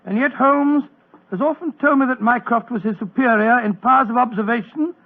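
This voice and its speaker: A man's voice: very high voice, brisk. An actor playing a genial older British doctor, avuncular as he tells stories in a 1940s radio drama. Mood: reminiscing. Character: genial old British doctor recounting his adventures. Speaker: storyteller. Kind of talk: 1940s radio acting, storytelling. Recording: old muffled 1940s radio recording.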